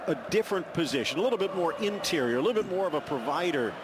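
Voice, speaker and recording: A man's voice: high voice, lively intonation, rapid-fire. A man doing live play-by-play commentary on a football match. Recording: loud stadium noise behind. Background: football stadium crowd.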